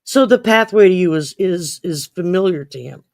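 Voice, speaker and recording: A woman's voice: lowish voice, lively intonation, moderate pace, a little mellow, no room sound. A woman co-hosting a casual chat, talking readily and often repeating words as she explains. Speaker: co-host.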